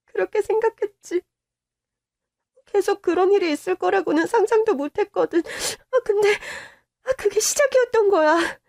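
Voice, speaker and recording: A young woman playing a newlywed daughter who quietly and resignedly tells her mother what she went through, in a Korean-style radio-drama story reading. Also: very high-pitched, vocal fry, dry recording, clean studio sound. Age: young adult. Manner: quiet, resigned confessional telling. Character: young wife confiding to her mother, hurt and subdued.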